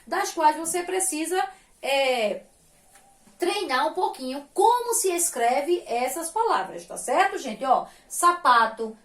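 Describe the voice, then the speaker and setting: A woman teaching young children with a Brazilian Portuguese accent, patient and sing-song, spelling syllables out slowly. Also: sits high, roomy sound. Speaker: primary school teacher. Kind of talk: recorded lesson for young children.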